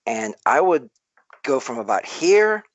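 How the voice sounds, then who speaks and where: A man's voice: mid-range voice, very animated, a little slow. A tipsy man with a Southern American accent rambles boisterously through a casual live-stream chat. His voice comes through a dull, dry home microphone with no room echo. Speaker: guest toy artist.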